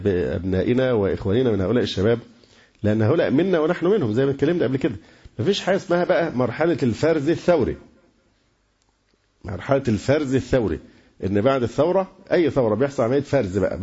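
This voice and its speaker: Egyptian man giving a fast, hesitant religious lecture. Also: medium pitch, warm tone, husky. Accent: Egyptian Arabic. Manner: colloquial, many repeated hesitations. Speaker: preacher. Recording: dull lo-fi lecture recording.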